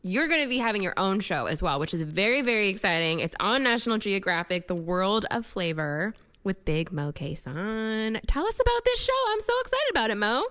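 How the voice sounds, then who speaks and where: A woman's voice: mid-range voice, very animated, fairly quick, pushed and bright. A woman hosting an entertainment show, upbeat and gushing as she interviews guests. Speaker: host.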